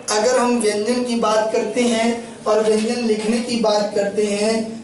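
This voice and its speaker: A male teacher gives a grammar lesson with a high, fairly flat voice, joking with his students and answering his own questions. The sound is very echoey, and he is heard from some distance away from the mic. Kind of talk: classroom lecture.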